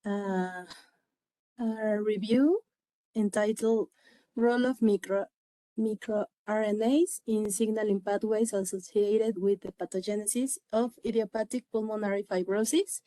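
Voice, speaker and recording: Halting woman presenter with a Mexican accent. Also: mid-range voice, mellow, no echo, rough recording. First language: Spanish. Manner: halting, pauses often mid-sentence. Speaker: conference presenter, medical researcher. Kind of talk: academic presentation.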